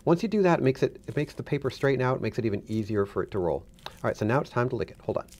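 A man's voice: mid-range voice, expressive, rapid-fire, darkish tone. A middle-aged man giving a casual hands-on tutorial, instructing step by step and repeating himself for emphasis. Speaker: demonstrator, guest.

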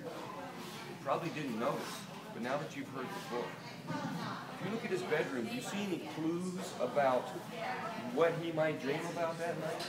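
A middle-aged American from Delaware, a children's author with a slightly high voice, reads a picture book to kids with expression, deliberate pauses and questions for them. The setting is a small indoor toy shop. A camera a few meters away records it, leaving the audio roomy and distant with loud room noise.

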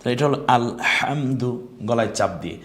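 A man's voice: mid-range voice, moderate pace, a bit bright. A man teaching an online Quran lesson, patient and encouraging, drawing out Arabic letter sounds for students to repeat. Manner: encouraging, addresses students politely.

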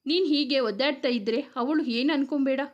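A caring mother-in-law from a storybook, gently coaxing her family, as a woman reads her. The voice is high and motherly, soft and patient. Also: brisk, dull audio, lightly acted.

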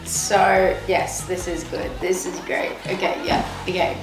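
A woman's voice: lowish voice, level tone, unhurried. Hungover young woman, playful and slangy, echoey room. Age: 20s. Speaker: singer-songwriter discussing own song. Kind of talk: casual chat while eating on camera. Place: indoor studio set with backdrop. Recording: echoey room, music behind.

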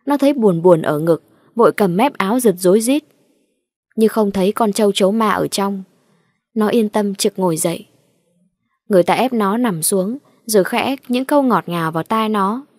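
A woman narrating a ghost story with a slow, measured, dramatic reading. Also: mid-range voice, darkish tone, no echo, studio quality.

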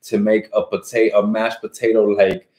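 Low and dark, with little pitch movement, this middle-aged New York man's voice carries a chatty, enthusiastic live cooking stream he hosts with his wife. He drifts into long asides; a distant camera mic records him in an echoey dining room converted to a studio, kitchen clatter audible.

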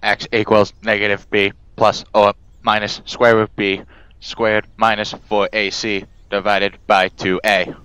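A man voicing a malfunctioning robot teacher that glitches and recites in a flat, mechanical way. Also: lowish voice, a little slow, smooth, no echo, rough recording. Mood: glitching. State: glitching, repeating error messages. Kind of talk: comedic skit.

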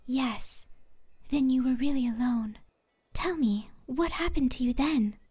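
Give the fantasy audiobook a serene, otherworldly empress with a childlike air, acted by a woman. Her voice sits fairly high and is very breathy, close to a whisper. She speaks gently and in measured phrases. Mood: gentle, knowing. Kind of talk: fantasy audiobook character dialogue.

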